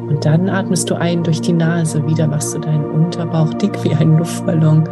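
A woman guiding a meditation in the gentle, unhurried manner of a sleep story narrator, with spacious phrasing. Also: low voice, flat delivery. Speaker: meditation guide and podcast host. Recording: loud new-age music behind the voice. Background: new-age music.

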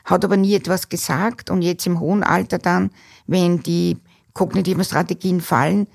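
Woman, lowish voice, gravelly, measured, explaining patiently. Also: fairly even intonation, darkish tone. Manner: measured, pausing with fillers. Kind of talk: explanatory interview answers.

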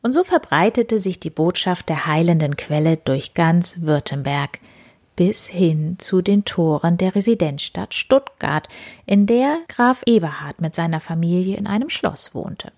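A woman's voice: on the low side, expressive, measured pace, a little mellow. A woman hosting her own show, reading a children's story aloud in a chatty storytelling manner. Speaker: storyteller host.

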